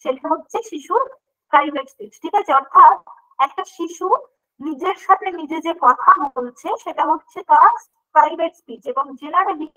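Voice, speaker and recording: High bright-voiced woman teaching online. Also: poor audio. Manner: explanatory, asks and answers her own questions. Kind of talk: online lecture.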